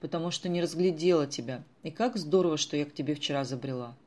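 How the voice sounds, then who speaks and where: A reader voicing a sharp-tongued teenage girl in a storybook who speaks in a sarcastic, indignant way. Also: mid-range voice, fast talker, lightly acted.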